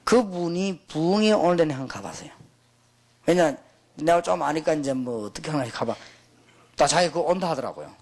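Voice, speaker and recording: Pastor guy preaching, lively voice all over the place, tells stories with punch. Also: on the high side, fairly quick. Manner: emphatic, animated storytelling preacher. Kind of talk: sermon to pastors.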